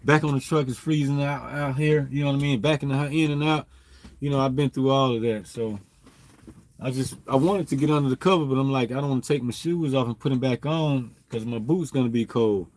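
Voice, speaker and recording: A Southern US man in his 40s hosts a casual livestream chat, rambling and leaning heavily on fillers and "you know what I'm saying." His voice is medium-pitched, fairly quick, and darkish in tone.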